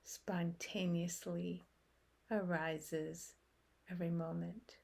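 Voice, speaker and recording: A woman guides a meditation, soothing and unhurried, leaving long pauses between short phrases. Her voice is lowish, creaky and somewhat dark, with a level tone.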